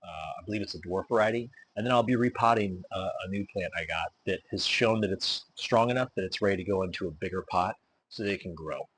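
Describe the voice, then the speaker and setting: Man, low husky voice, casual hobby vlog host, slow and careful with lots of ums. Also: a bit bright, dry recording. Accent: regional accent. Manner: deliberate, slow, filler-heavy explaining while pruning. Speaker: bonsai hobbyist vlogger.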